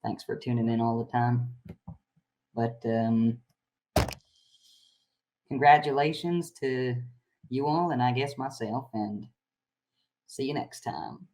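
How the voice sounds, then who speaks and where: A man playing an awkward, earnest young streamer, halting and polite, in a found-footage film. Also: mid-range voice, a little mellow, a little hiss or hum, low-quality recording. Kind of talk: acted livestream and phone talk in a found-footage film. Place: small bedroom.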